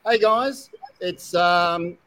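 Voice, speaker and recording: An Australian man hosts a casual live chat show. His voice sits on the higher side for a man. He is recorded in a shed, with some background noise around him. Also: extremely slow, pushed and bright. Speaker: host of an online group chat show.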